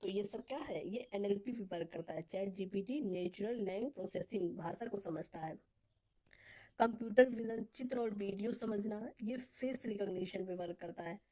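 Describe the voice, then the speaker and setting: A woman's voice: mid-range voice, moderate pace, warm tone, low-quality recording. A woman teaching an exam-prep class, asking questions and answering them herself and repeating key terms over and over. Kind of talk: Hindi exam-prep lecture.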